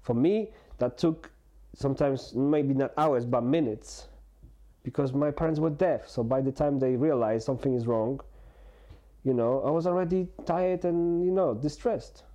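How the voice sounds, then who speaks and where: Guest in his 40s, mellow voice, halting and candid, lots of restarts. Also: medium pitch. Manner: halting, full of restarts and fillers; earnest and open. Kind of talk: candid personal conversation.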